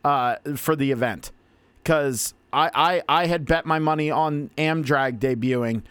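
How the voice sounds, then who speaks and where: A man co-hosting a casual podcast, telling an excited story with stammering restarts. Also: fairly high pitch, a little slow, clean tone, dry recording. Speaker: podcast co-host. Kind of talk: casual chat.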